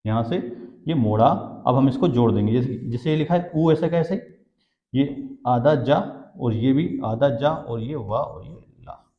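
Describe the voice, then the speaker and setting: A man teaching Hindi grammar for exam prep, who asks questions and answers them himself and repeats the key terms. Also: medium pitch. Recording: dull, echoey classroom sound.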